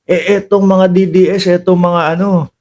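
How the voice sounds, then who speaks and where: High-voiced chatty Filipino commentator. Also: male voice, little pitch movement, normal speed, a little mellow. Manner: chatty, laughs often, addresses viewers as bossing and kababayan. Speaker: political commentary livestream host. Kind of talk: casual political commentary to viewers.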